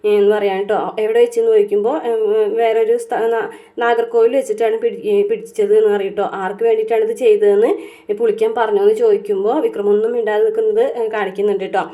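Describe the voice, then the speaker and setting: A woman's voice: mid-range voice, flat delivery, quick pace, warm tone. A woman casually retelling a TV serial episode, full of fillers and tag words. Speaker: serial recap vlogger.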